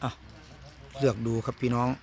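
A man's voice: a little fast, a little mellow. A man with an Isan, northeastern Thai accent presenting like a live seller, repeating prices and calling to viewers in an outdoor market. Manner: repetitive sales patter addressing viewers. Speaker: cattle market video host. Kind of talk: live sales commentary, quoting prices to viewers. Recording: outdoor market ambience, background noise.

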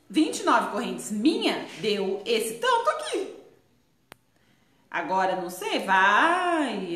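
A woman with a Brazilian Portuguese accent hosts a casual live crochet lesson from her shop. She chats freely with viewers and laughs often. Her mid-pitched voice bounces around an echoey room. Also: a bit bright. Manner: chatty, laughs often, exclaims "ai, gente". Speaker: crochet teacher hosting a live stream. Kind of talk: chatty live crochet tutorial.

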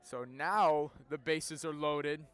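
A man doing live play-by-play baseball commentary outdoors like a radio announcer, with drawn-out, emphatic calls. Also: on the high side, steady tone, a bit bright, smooth. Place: outdoors at a school baseball field.

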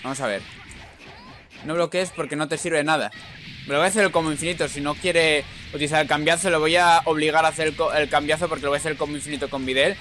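A man with a Spain Spanish accent giving excitable, teasing commentary over his own online fighting-game matches. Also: a little high, fast talker, a little hiss or hum. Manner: excitable, teasing, frequent "tío". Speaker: gaming YouTuber. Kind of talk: live gameplay commentary.

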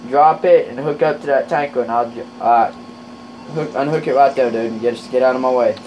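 A man chatting casually while playing a trucking game with a friend, rowdy, swearing a lot, with loud excited outbursts. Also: mid-range voice, a little fast, a little hiss or hum, poor audio.

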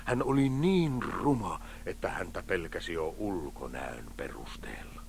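Expressive male storybook narrator. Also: low voice, gravelly, a little hiss or hum. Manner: expressive, dramatic, dropping to hushed tones.

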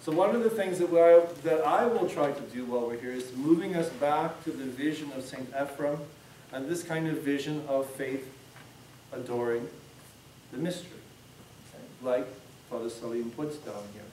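Middle-aged priest lecturing in an echoey hall. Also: male voice, mid-range voice, moderate pace, darkish tone, slight background noise. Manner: conversational, discursive, many restarts. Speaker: priest teaching a class. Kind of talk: informal classroom lecture. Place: church hall classroom. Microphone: far camera. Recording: echoey room from far off.

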